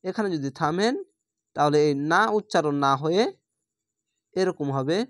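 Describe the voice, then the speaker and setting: A man's voice: fairly high pitch, moderate pace, no room sound, clean studio sound. A man teaching Quran reading, spelling out each letter and vowel, then drawing out the recited words.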